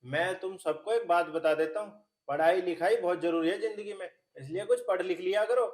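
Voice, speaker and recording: An actor playing a stubborn, cheeky young village husband with a Haryanvi accent, loud and quarrelsome with quick comic retorts. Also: male voice, high voice, natural voice. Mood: lecturing. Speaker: comic lead in a village film.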